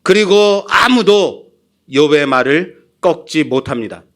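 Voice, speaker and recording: A male pastor preaching a sermon in an animated, dramatizing way, often putting questions to the congregation in a church. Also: fairly high pitch, unhurried.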